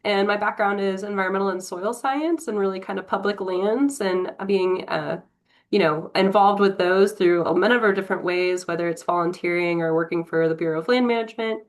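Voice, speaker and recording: A young woman from Tennessee, a prospective board member, gives an upbeat, chatty introduction on a video call, with many fillers. She's congested from a cold. Her voice is medium-pitched and a little fast.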